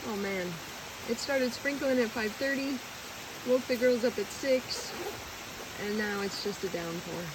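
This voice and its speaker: Upbeat middle-aged woman, high voice, unhurried, narrating outdoors to a handheld camera with clear background noise. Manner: chatty, upbeat, laughs often. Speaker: family hiking vlogger. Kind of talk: casual trail vlog narration. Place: outdoors on a hiking trail. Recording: noisy outdoor recording.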